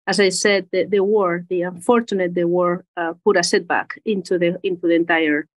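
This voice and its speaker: A Spanish woman in her forties, speaking with a Spanish accent in a fairly low, steady voice at a moderate pace. She answers interview questions as a corporate executive guest, carefully repeating words while she searches for the right phrasing.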